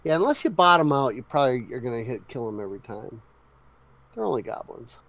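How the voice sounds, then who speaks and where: A man acting as game master, narrating a tabletop game with relaxed, chatty rulings. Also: medium pitch, quick pace, no room sound.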